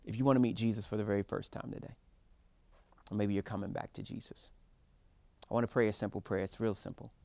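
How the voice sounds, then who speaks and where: A man's voice: lowish voice, fairly even intonation, quick pace, gravelly, long pauses, dark tone. A man speaking as a pastor, addressing his church in an earnest, informal and encouraging way. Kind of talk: church address, prayer and announcements.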